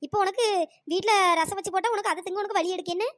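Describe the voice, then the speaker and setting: A woman voicing a sharp-tongued old mother-in-law in a cartoon, scolding and sarcastic. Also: extremely high pitch, rapid-fire, dry recording, studio quality. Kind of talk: cartoon dialogue with pitch-raised voice.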